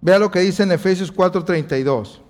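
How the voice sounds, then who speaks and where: High-voiced man preaching in a reverberant hall. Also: fairly quick, darkish tone. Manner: asks the congregation questions and answers them himself. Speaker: pastor. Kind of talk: sermon.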